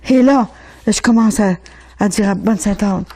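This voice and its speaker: Older Québécois woman, mellow tone, emotional testimony, stumbles and repeats herself in animated bursts. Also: mid-range voice. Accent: Québécois French. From Quebec. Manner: animated, repeats words, stammers in rushes. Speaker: speaker giving religious testimony.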